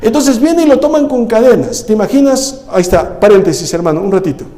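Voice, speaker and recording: A male pastor preaching a lively sermon, often calling his listeners "brother" and asking them rhetorical questions. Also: high-pitched, fast. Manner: animated, addresses listeners as "hermano", rhetorical questions. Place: church hall. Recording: echoey church hall.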